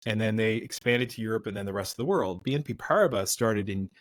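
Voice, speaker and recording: On a podcast, a middle-aged man from the United States with an American accent talks through career stories at a quick pace. His voice sits on the low side, there's no room sound, and his relaxed telling is full of restarts.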